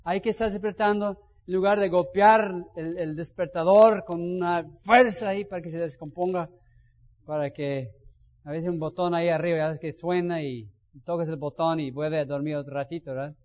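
A man preaches a sermon in a high voice, swinging between loud bursts and quiet asides. His voice carries a long reverb through the sanctuary. The sound is muffled and dull. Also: fairly even intonation, moderate pace. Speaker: pastor.

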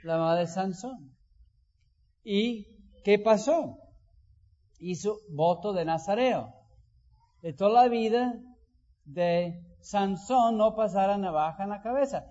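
A man preaching a sermon, acting out quoted voices and rising to loud emphasis. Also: sits high, lively intonation, slow pace, long pauses. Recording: dull sound with long hall reverb.

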